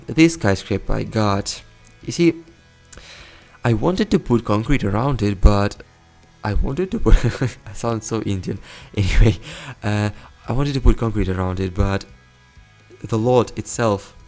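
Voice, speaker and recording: Soft background music accompanies this let's play host, a young man whose lowish, creaky, darkish voice moves at a measured pace. He offers loose, wandering commentary on a city-building game, frequently chuckling and fixing his own words.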